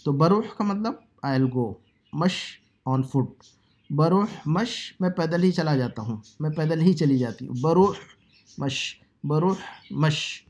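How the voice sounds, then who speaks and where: A man from South Asia teaching Arabic phrases, explaining in a conversational lesson and repeating words slowly to drill pronunciation. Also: on the high side, expressive, a little mellow. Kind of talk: language lesson, Urdu explanation.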